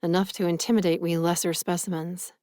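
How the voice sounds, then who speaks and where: A woman reading a gently teasing boyfriend. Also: lowish voice, little pitch movement, fairly quick, dry recording, studio quality, natural voice. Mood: affectionate.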